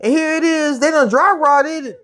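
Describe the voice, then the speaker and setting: A man co-hosting a podcast in casual chat, telling stories with lively sound effects. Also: extremely high pitch, normal speed. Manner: animated storytelling with sound effects. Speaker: podcast co-host.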